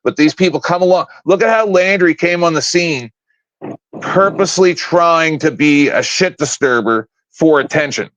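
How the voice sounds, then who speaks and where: In a casual live-stream rant, a man in his fifties, appearing as a panel guest from home, gets blunt, profane and confrontational. His voice is a little high and a bit bright, at a normal speed with no echo. The stream audio is dull, lo-fi and dry.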